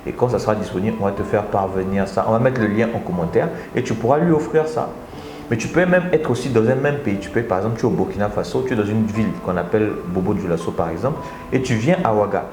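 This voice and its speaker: A man from the Republic of the Congo hosting a casual live stream from his office, energetic and talking straight to his viewers, often repeating his phrases. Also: fairly low pitch, quick pace, echoey room. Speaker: live stream host and speaker.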